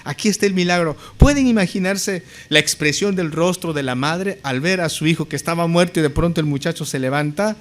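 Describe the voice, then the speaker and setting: A man's voice: on the high side, brisk, hardly any pauses. A male pastor preaching a sermon, emphatic and fond of rhetorical questions to the congregation, whom he calls brothers. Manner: addresses listeners as brothers.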